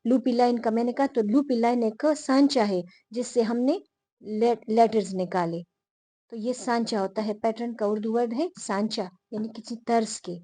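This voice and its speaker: A woman teacher explaining a lesson to her viewers, repeating the key terms slowly and pausing often with fillers. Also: on the high side, fairly even intonation, dark tone, dry recording. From Pakistan.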